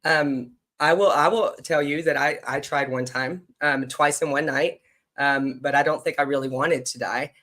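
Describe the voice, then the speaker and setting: A man's voice: a little high, steady tone, normal speed, pushed and bright. A man hosting a casual podcast conversation, chatty, blunt and teasing with his guest. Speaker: podcast host.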